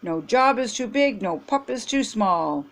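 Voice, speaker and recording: A woman's voice: mid-range voice, lively intonation, unhurried. An older woman reading aloud, voicing a brave, upbeat boy who leads a team of rescue pups in a storybook. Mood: eager. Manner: eager, encouraging.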